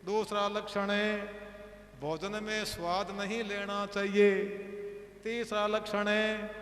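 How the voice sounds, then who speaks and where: High-voiced man chanting a sermon. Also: little pitch movement, slow, a bit bright, soft background music. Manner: half-sung, chanting storytelling with dramatic cries. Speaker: kathavachak storyteller preacher. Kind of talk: devotional scripture recitation sermon. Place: large echoing venue. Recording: echoey hall reverb.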